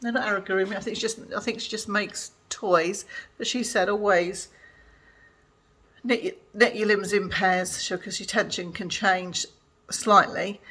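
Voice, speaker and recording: A woman's voice: lowish voice, a bit bright, slightly rough. An older woman chatting casually in a home crafting vlog, rambling with many fillers. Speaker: vlogger. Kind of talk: casual chat.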